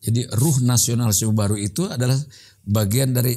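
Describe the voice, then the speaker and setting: A man's voice: medium pitch, a little fast, dark tone. A man hosting an interview show, prompting his guest with short interjections and repeating key words back to sum up. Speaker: talk show host.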